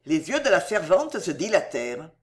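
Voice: medium pitch, big pitch swings, moderate pace. A narrator giving a dramatic, emotive reading of a storybook. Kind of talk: expressive audiobook narration.

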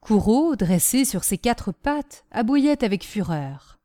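Woman, audiobook narration, lively melodic pitch, dry close sound. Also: unhurried, dry recording. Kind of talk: scripted narration of a classic novel.

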